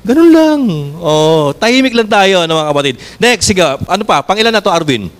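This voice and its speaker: A man with a Filipino accent preaching a sermon as pastor, asking the congregation questions and reading verses slowly. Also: high-pitched. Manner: switches between Tagalog and English, reads verses slowly; animated, asks the congregation questions.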